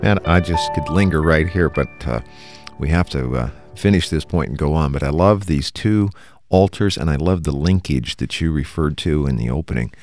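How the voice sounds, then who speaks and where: Deep-voiced male Bible show host. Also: darkish tone, soft background music. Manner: thoughtful, explanatory, with filler pauses. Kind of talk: conversational Bible discussion.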